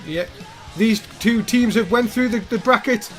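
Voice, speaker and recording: A man's voice: extremely high pitch, a little slow, faint music behind. A man hosting a wrestling pre-show, presenting the event like an announcer and putting questions to his panel. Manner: announcer-like, addresses co-panellists and audience.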